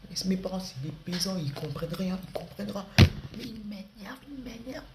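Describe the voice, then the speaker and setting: A woman's voice: medium pitch, expressive, fairly quick, voice pushed up, lightly acted. A woman voicing a rude, impatient teenager who bosses the parents around in whiny slang. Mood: exasperated. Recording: echoey room with background noise.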